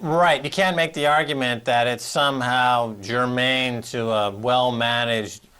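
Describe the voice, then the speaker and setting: A man's voice: medium pitch, steady tone, unhurried, sharp tone, clean tone. Male host, heated, emphatic financial commentary, mid-range voice. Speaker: show host.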